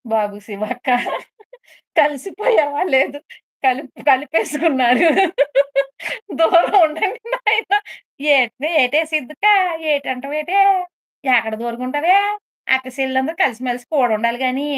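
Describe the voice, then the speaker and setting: A woman doing a gossipy village busybody. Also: high voice. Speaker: live stream entertainer. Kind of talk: comic character monologue on a live stream.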